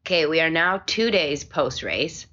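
Low husky woman rambling on a phone recording, kinda muffled, hotel room. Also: expressive, a little slow, fairly bright tone. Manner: rambling, with many restarts and fillers. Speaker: podcast host. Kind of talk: casual post-race chat.

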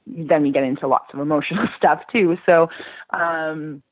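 A woman's voice: low voice, steady tone, normal speed, no echo. A woman therapist explaining pelvic floor care in an interview, her voice coming through a tinny phone line, reassuring and practical with frequent fillers.

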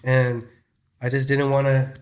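Thirties man from Canada, relaxed and rambling guest, middle pitch. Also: a little slow. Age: 30s. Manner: laid-back, rambling, filler-heavy. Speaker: guest, cannabis store owner. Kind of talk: casual podcast chat.

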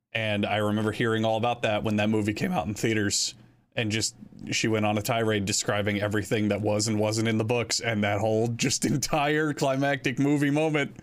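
A man chatting casually about films, telling stories in an animated, sweary way. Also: fairly low pitch.

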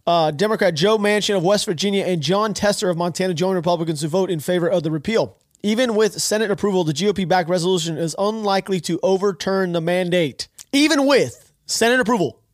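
A podcast host, stuffy and nasal from allergies, races through political news in a high voice, barely pausing. His take is casual, rambling, and opinionated, with many restarts. The recording is dry and of studio quality.

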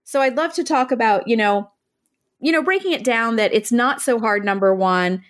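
A woman's voice: on the high side, moderate pace. A woman hosting a podcast, upbeat and enthusiastic as she introduces guests and topics. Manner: upbeat, enthusiastic promotional delivery. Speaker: podcast host, interior designer.

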